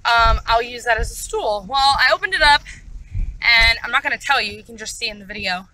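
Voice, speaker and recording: A woman's voice: on the high side, animated, fairly quick, pushed and bright, low-quality recording. A woman hosting a casual vlog from a car, chatting to viewers while eating with her mouth full. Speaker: vlogger host. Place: inside a car on the road.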